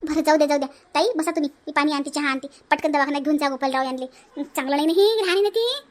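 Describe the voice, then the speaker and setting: Woman voicing an old village granny for a cartoon, scolding, chatty, fairly high voice. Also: fast, natural voice. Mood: fussing. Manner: scolding, chatty rural speech. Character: older village grandmother, fussy and talkative.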